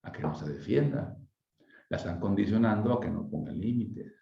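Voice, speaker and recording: Low, gravelly male speaker with a mellow tone, thoughtful explainer, echoey lo-fi room. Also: expressive, normal speed. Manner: reflective, asks rhetorical questions, frequent tag questions. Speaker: speaker on emotional wellbeing. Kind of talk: conversational explanation.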